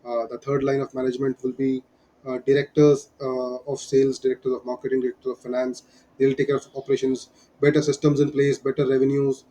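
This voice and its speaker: A man's voice: medium pitch, level tone, fast, dark tone, poor audio. Indian-accented man explaining, evenly and emphatically. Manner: emphatic, repeats key points. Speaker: business advisor teaching startup fundraising. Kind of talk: explanatory lesson.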